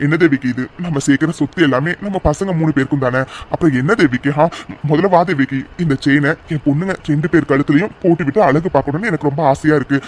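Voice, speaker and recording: A man as a brisk, fond cartoon father, a bit high-voiced. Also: a little hiss or hum, close to an everyday voice. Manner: fast, fond, coaxing talk. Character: doting, reassuring father, a man. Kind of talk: cartoon dubbing.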